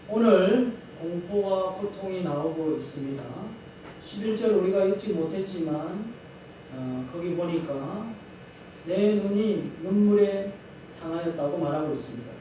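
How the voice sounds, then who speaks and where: High-voiced pastor preaching in an echoey hall. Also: male voice, animated, normal speed, dull audio. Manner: earnest preaching with rhetorical questions to the congregation; repeats key phrases for emphasis. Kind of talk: sermon. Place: church sanctuary. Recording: very echoey hall, mic at a distance, faint background noise.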